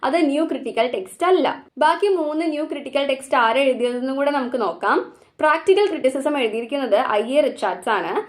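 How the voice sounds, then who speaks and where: High-voiced Malayali woman teaching exam questions. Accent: Malayali English. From Kerala, India. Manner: reads English questions slowly, explains quickly.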